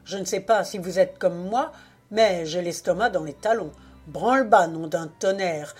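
A woman's voice: on the low side, measured pace, slightly rough, faint music behind. Woman reading a hearty, boisterous sailor. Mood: mocking. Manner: loud, hearty exclamations. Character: boisterous jovial male sailor, mocking. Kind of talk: audiobook dialogue reading.

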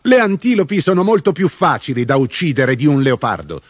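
A man's voice: mid-range voice, wildly swooping pitch, normal speed, husky, no echo, clean studio sound, exaggerated voice. Mudube, a hot-headed boy, as a man puts him on. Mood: boastful. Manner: shouting, indignant. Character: young headstrong boy, quick to anger.

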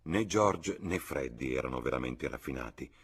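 A man reading a novel aloud in a measured, expressive audiobook narration. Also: very deep voice, breathy edge. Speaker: audiobook reader.

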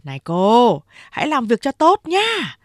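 A woman's voice: a little high, wildly swooping pitch, unhurried, no echo, clean studio sound, pitched above the performer's own voice. A woman voicing a sly, sleazy young male underling who wheedles and plays innocent.

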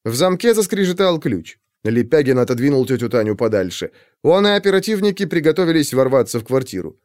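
A man narrating a crime story as a scripted audiobook, in an expressive, dramatic way. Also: medium pitch, a little fast, no room sound, clean studio sound.

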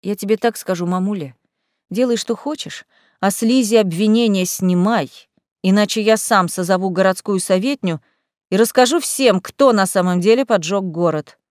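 A woman's voice: mid-range voice, normal speed, darkish tone, no room sound, studio quality, natural voice. A woman voicing a blunt, earnest young man standing up to his mother in a storybook. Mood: defiant. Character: plain-spoken young man, defiant son.

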